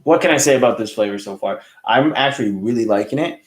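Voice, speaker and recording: Man, livestream host, casual rambling chat, medium pitch, echoey room. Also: fast talker. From California. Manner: chatty, loose, greets viewers by name. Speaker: hookah review livestream host.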